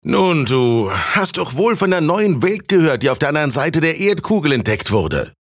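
An eager young student , as a male storyteller puts him on, talks with a raised, animated voice that swings widely. The tone is raspy with a gravelly edge, close and dry. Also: fairly high pitch, normal speed, no echo, pitched above the performer's own voice. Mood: lively.

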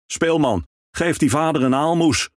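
A man reading a storybook, voicing a hearty, boisterous male ferryman in a raised, loud voice. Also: mid-range voice, animated, normal speed, dry recording, studio quality, voice pushed up, close to an everyday voice. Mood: calling out.

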